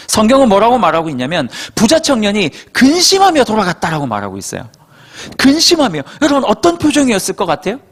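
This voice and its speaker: A male pastor preaching to young adults, telling stories in an animated way and acting out quotes. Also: fairly high pitch. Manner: animated storytelling, acts out quotes. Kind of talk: sermon to a young adult congregation.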